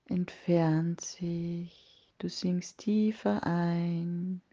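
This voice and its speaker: Speaking softly and breathily, sometimes in a whisper, a woman leads a calming guided meditation with long gaps between her phrases. Her pitch is fairly low, and the recording sounds muffled.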